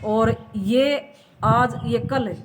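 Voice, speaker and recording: A woman's voice: a little high, very slow, poor audio. A woman vlogger, scolding her viewers in an impassioned rant full of rhetorical questions. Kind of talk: impassioned talking-to-camera rant. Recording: loud background noise.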